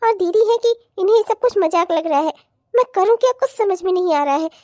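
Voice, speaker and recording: A woman's voice: very high-pitched, expressive, a little fast, warm tone, no echo, studio quality. A woman voicing a troubled young bride in a cartoon, speaking with anguish. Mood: worried. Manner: emotional, anguished. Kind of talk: cartoon voice acting.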